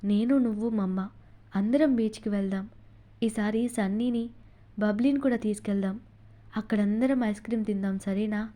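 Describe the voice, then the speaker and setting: A woman voicing an anxious young husband and father in an audiobook, speaking low, hushed and gentle. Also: fairly even intonation, moderate pace, lightly acted. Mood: soothing.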